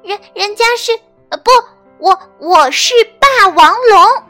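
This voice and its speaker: A woman's voice: extremely high pitch, animated, a little slow, sharp tone, soft background music, pitched above the performer's own voice, full character voice. A woman voicing a timid little boy pterosaur chick in a storybook, stammering and eager. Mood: flustered.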